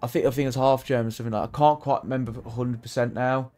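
A man's voice: medium pitch, steady tone, rapid-fire, a little mellow. A British man chatting casually while gaming, easygoing, often stumbling over his words. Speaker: gaming co-player.

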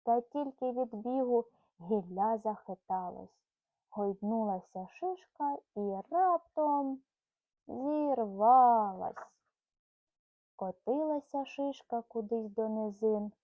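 A mother reading a rhyming bedtime story to her son at home, gentle and sing-song. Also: fairly high pitch, expressive, slow pace, dry recording. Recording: tinny phone-like sound.

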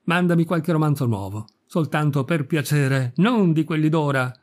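A man's voice: fairly high pitch, animated, moderate pace, lightly acted. A man voicing a capricious, imperious old countess in an audiobook reading, peevish and scolding. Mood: querulous. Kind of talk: audiobook reading of a classic story.

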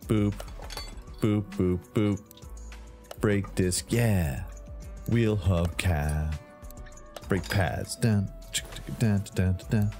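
A man running a gaming channel fixes up a hot rod while giving playful commentary, goofing around with silly sound effects and snatches of song. His voice sits low and mellow, with faint game music in the background.

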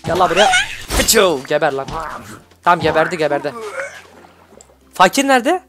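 A young man hosting a gaming video, reacting loudly and constantly to everything on screen. His voice sits fairly high and swings widely in pitch. Music plays clearly behind him. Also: normal speed. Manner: excitable, shouty, constantly reacting. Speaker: gaming YouTuber host. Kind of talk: gameplay commentary. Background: background music.

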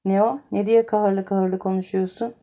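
A woman voicing a demanding, sharp-tongued wealthy wife who insists and scolds in an audiobook story. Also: medium pitch, steady tone, moderate pace, lightly acted. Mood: insistent.

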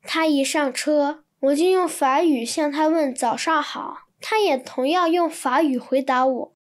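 A woman reading translated textbook sentences in an even, clear manner. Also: high-pitched, unhurried. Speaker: Chinese translation reader.

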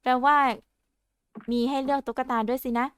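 A woman playing a horror game, talking to herself in low-key asides. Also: flat delivery, normal speed, clean tone, no echo, clean studio sound. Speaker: game streamer. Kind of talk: game playthrough with voice acting.

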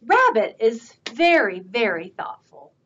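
A woman voicing a kind, thoughtful cow from a children's picture book in a soft, musing tone. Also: fairly high pitch, sing-song, slow, husky, highs cut off, exaggerated voice.

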